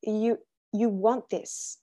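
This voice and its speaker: A woman's voice: mid-range voice, steady tone, drawn-out words, warm tone. A young woman hosting a faith podcast, talking earnestly and encouragingly, with frequent ums and restarts. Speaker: podcast host. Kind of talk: casual faith podcast chat.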